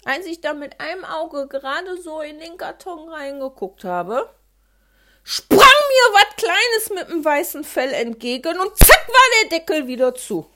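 A woman's voice: very high voice, very animated, measured pace, background noise. A woman telling a childhood anecdote in a chatty, colloquial way. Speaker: storyteller.

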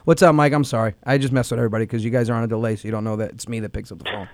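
A man hosting a comedy radio show, chatting with a caller and telling stories with quick, acted-out quotes. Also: mid-range voice, a little hiss or hum. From United States. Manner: fast, animated storytelling with acted-out quotes. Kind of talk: casual radio chat with a caller.

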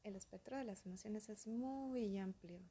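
A woman hosting a podcast, talking slowly and softly in a calm, reflective monologue that often drops to a breathy near-whisper. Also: medium pitch. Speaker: podcast host.

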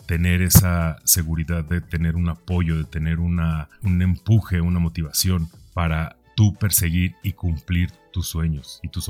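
Thinking aloud about his own life, this man in his forties hosts a personal podcast over music, ending many thoughts with a little questioning tag. He speaks conversationally in a deep, low, darkish voice.

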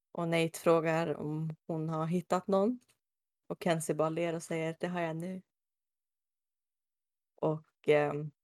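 A woman recounts a TV episode in easy, casual conversation. She slips into the characters' lines with animated little voices, then drops back to her ordinary speaking voice. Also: fairly low pitch. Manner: animated retelling, acting out quotes. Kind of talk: casual chat retelling a TV episode.

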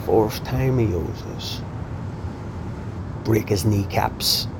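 An actor playing a domineering, foul-mouthed crime boss who gives clipped, threatening commands in a naturalistic drama. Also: male voice, takes it slowly, gravelly. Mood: cold, threatening. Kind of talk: naturalistic screen drama acting. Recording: noisy, rumbling car interior ambience.

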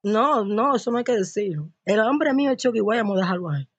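A woman's voice: medium pitch, animated, quick pace, breathy edge, no echo. A woman co-hosting a podcast, joking and dramatic in casual chat. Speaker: podcast co-host. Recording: dull lo-fi sound.

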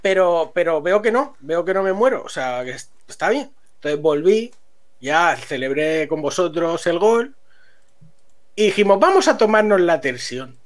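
A man tells a story to friends on a stream. He is animated and laughs often as the tale unfolds. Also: a little high, measured pace.

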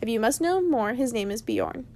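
Brisk, stern old wizard from a storybook, slightly higher voice, a woman reading him. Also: animated, darkish tone, slight background noise. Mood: cross. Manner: stern, lecturing. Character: old male wizard, brisk and easily cross. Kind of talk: storybook read-aloud.

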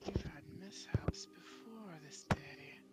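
A woman voicing a cold, patient vampire interrogator in whispered role-play, asking slow, probing questions. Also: deep voice, over loud music. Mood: menacing.

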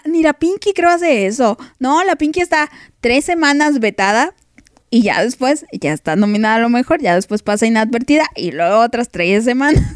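A woman's voice: fairly high pitch, no room sound. Playful woman, dry close sound. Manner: playful, teasing, laughs often, mock outrage. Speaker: podcast host. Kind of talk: casual music podcast chat.

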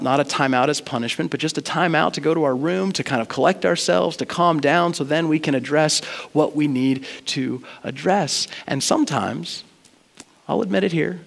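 A man's voice: a little high, gravelly. A man preaching a sermon in a church, telling personal stories in an earnest, conversational way. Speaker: pastor. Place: church sanctuary. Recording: long reverb of a large hall.

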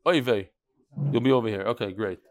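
A man's voice: lowish voice, brisk. A mature man, a rabbi teaching a Talmud class in an informal, conversational way, posing questions and answering them himself. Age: middle-aged or older. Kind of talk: informal lecture with chatty asides.

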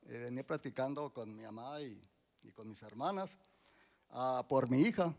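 A man, giving a church testimony in a halting way, full of restarts and fillers. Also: medium pitch, creaky, a little mellow. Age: 60s.

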